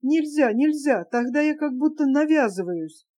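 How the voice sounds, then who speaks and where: A woman's voice: high-pitched, lively intonation, normal speed, mellow. A woman reading a young woman's lines in a novel, earnest and close to tears. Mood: firm. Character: young woman, tearful and anxious.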